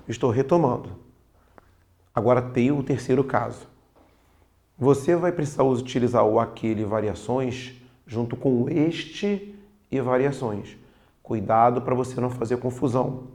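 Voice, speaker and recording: Male Brazilian grammar teacher, casual and chatty, gravelly mid-range voice. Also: mid-range voice, a little mellow. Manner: casual, peppered with "ó", slows down for key points. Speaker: Portuguese teacher. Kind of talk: online exam-prep grammar lesson.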